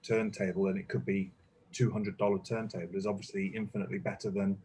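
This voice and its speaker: A man in casual conversation, telling lively anecdotes and swearing casually. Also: low-pitched, fast, a little hiss or hum. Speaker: guest. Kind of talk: casual chat. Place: indoors, relaxed group chat.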